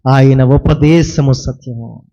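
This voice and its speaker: A man's voice: medium pitch, steady tone, slow pace, dark tone, muffled recording. A man preaching a sermon. He repeats key phrases and asks the listener pointed questions.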